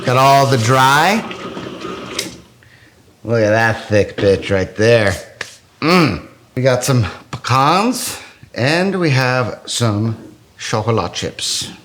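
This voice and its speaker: A man's voice: medium pitch, animated, takes it slowly, long pauses, noisy background. A man hosting a casual cooking demo, joking and crude as he bakes. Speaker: cooking show host.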